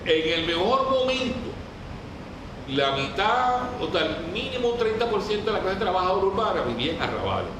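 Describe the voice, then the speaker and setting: With a high-pitched voice and big pitch swings at normal speed, a lecturer speaking with a Puerto Rican Caribbean Spanish accent teaches history to a group in a casual, colloquial, didactic way, repeatedly asking them questions. The audio has heavy room echo, a distant mic, and clear noise.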